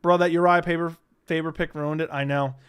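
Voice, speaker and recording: A man's voice: a little high, flat delivery, fairly quick, a bit bright, smooth. A young man hosting a casual livestream, rambling and swearing freely as he answers questions from the chat. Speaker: livestream host.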